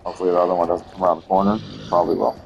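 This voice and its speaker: Brief: male let's-play commentator, deep voice, laid-back and wry. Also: rapid-fire, creaky, muffled recording, a little hiss or hum. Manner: relaxed, wry, swears casually. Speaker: gameplay streamer.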